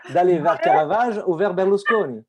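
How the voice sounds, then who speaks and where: A middle-aged man from Italy with an Italian accent, talking in an animated, expressive way as a guest actor in a casual conversation. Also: high voice, normal speed.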